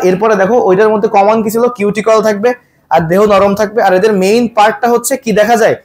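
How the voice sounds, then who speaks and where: Speaking in a high pitch, a man drills students for a biology exam. He repeats each quiz question and eases his pace whenever he spells scientific terms.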